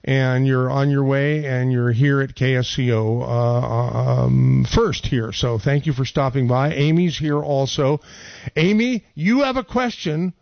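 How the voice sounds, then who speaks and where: Halting male radio host. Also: medium pitch, vocal fry, dry recording, lo-fi sound. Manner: halting, many fillers. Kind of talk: radio interview.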